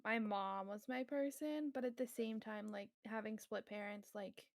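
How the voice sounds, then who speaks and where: A woman's voice: mid-range voice, steady tone, normal speed, no echo, studio quality. A young woman co-hosting a podcast, telling stories in a laid-back way with lots of "like". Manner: says "like" a lot, laid-back. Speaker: podcast co-host. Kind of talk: casual storytelling.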